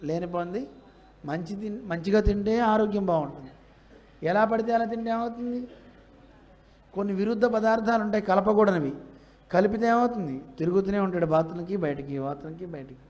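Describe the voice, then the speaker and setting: A man's voice: high-pitched, fairly quick, a little mellow. A man with a Telugu accent giving a religious discourse, questioning his listeners and acting out quoted lines. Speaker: religious teacher. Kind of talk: Bhagavata discourse to a live audience.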